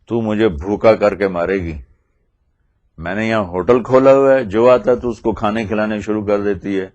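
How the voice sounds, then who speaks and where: A man's voice: fairly low pitch, a little mellow, lo-fi sound, natural voice. A man voicing an angry, stingy tent owner who scolds his wife in a raised voice. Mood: furious.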